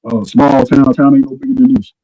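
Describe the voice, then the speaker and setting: A man in his 40s from Arkansas co-hosts a casual sports chat, telling laid-back stories and trailing off with "you know what I'm saying." His mid-range voice is dark and brisk with little pitch movement. The recording is dry and low quality.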